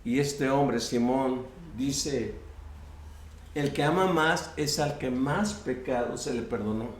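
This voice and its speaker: Slow-preaching pastor in an echoey church. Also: male voice, medium pitch, a little mellow. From US-Mexico border region. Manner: restarts often, acts out prayers and quoted speech. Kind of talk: sermon. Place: church sanctuary.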